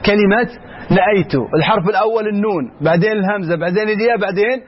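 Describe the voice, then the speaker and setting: A man's voice: high-pitched, slightly rough. A man teaching Arabic grammar to a class, asking questions and answering them himself, switching between colloquial and formal Arabic. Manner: reads the text slowly, then explains it in plain words. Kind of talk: classroom lesson. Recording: slightly dull, with faint room noise.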